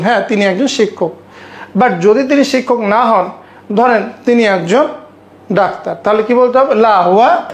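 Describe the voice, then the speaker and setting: Bright-voiced woman teaching Arabic phrases. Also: on the high side. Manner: repeats phrases slowly, checks understanding with "right?". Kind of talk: online language lesson.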